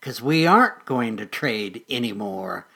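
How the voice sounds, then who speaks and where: A man's voice: medium pitch, animated, measured pace, gravelly, sharp tone, husky, exaggerated voice. A man voicing a sly, greedy old male mole who talks in a greasy, wheedling way. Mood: menacing.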